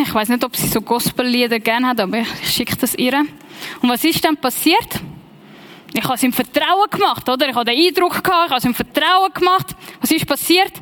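A young woman with a Swiss German accent preaching in a lively, personal storytelling way, dropping in English phrases. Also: high voice. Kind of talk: sermon storytelling.

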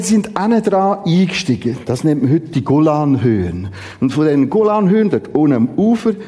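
A man with a Swiss German accent preaching a sermon, telling the story vividly and then reading scripture quietly. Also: fairly high pitch.

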